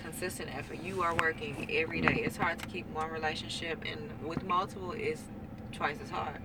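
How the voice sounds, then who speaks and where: A woman guest on a casual podcast, who talks bluntly and teasingly and breaks into loud laughter. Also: low voice, fairly even intonation, a little fast. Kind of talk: casual group chat. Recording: noisy background.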